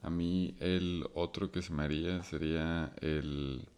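A low, deep-voiced man with a Mexican Chicano accent co-hosts casual sports chat. He talks in loose slang and drops English terms into his sentences. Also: fairly even intonation, measured pace, a little mellow, smooth. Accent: Mexican Spanish with Chicano flavor. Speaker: sports league podcast co-host.

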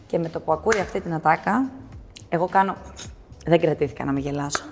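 A young woman from Greece, chatting as a studio guest and telling a story with lively, animated delivery, acting out what others said. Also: sits low, faint music behind. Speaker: guest, former reality show contestant. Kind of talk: casual chat.

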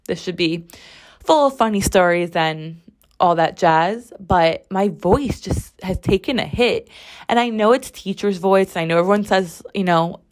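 A woman in her twenties hosts a casual solo podcast from the bathroom of her home, rambling emphatically and swearing freely. Her mid-range voice sounds strained and hoarse, and she speaks a little slowly.

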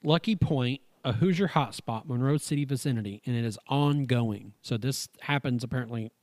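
A man's voice: mid-range voice, normal speed, a little mellow. A man hosting a casual podcast, reading out stories and thinking aloud in a rambling, jokey way. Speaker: podcast host.

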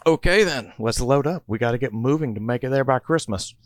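Tallahassee, a man doing a loud bossy cowboy. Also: medium pitch, lively intonation, brisk, no echo, studio quality, voice pushed up, natural voice. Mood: commanding. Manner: loud, commanding, sarcastic. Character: gruff bossy older zombie-hunting cowboy man.

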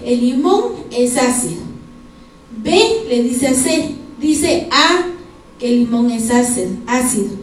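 High-voiced Guatemalan woman preaching in an echoey church. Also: a little mellow, a little hiss or hum. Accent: Guatemalan Spanish. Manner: addresses the congregation directly, asks them for examples. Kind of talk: sermon. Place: church sanctuary. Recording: echoey church hall from far off.

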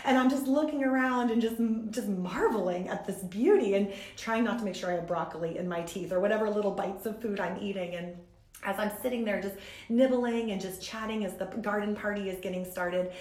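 A woman guest in a conversation, telling a story in an animated, self-mocking way and laughing often. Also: medium pitch, brisk, echoey room. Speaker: guest speaker from a women's ministry.

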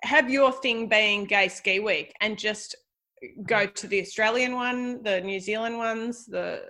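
A woman with a bright, sharp tone chats along casually, checking her notes as she goes. Her pitch is ordinary. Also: unhurried. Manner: chatty, reads from a list. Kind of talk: casual chat.

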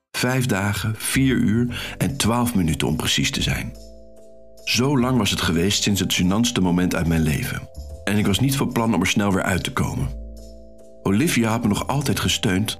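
Guy doing a nervous young dude telling his own story, low voice, wry, soft music behind. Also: lightly acted. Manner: self-conscious, rueful, wry. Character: anxious young man, shy secret dancer. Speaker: narrator and lead character. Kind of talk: first-person audio drama narration.

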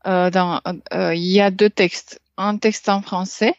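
A woman tutoring in a casual language exchange, explaining patiently with many pauses and fillers. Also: mid-range voice, steady tone, no room sound, dull audio. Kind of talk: casual tutoring over a call.

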